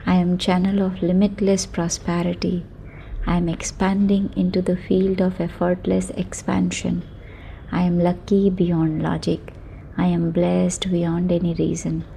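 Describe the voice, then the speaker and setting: A woman guides a sleep meditation in a soft, mellow, lowish voice, speaking very slowly and soothingly with long pauses between short affirming phrases. Her delivery is monotone with vocal fry, over faint ambience and slight background noise in a low-quality recording.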